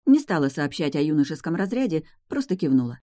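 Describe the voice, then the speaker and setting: A woman's voice: low-pitched, sing-song, quick pace, dark tone, dry recording, clean studio sound. A woman narrating a first-person fantasy audiobook in a wry, ironic manner.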